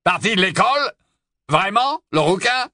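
Man voicing a mocking snatcher in an audiobook: high, needling, sneering. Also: lively intonation, moderate pace, sharp tone, no room sound, studio quality.

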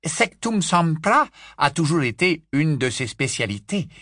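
A man playing an earnest middle-aged wizard in an audiobook, urgent and raised, with lively pitch. Close, dry recording. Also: unhurried, no room sound, exaggerated voice. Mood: tense. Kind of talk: audiobook character reading.

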